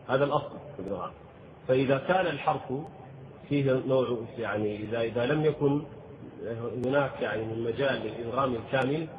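Man teaching recitation over tinny audio. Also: medium pitch. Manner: slow and deliberate, chants verses as examples. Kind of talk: explaining tajweed rules. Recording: tinny phone-like audio with faint noise.

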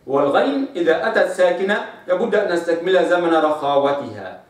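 A man with an Egyptian Arabic accent teaching Quran recitation rules, patiently explaining and drawing out the recited example words slowly. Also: high voice, lively intonation. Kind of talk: tajweed lesson with recited examples. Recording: very echoey room, speaker far from mic.

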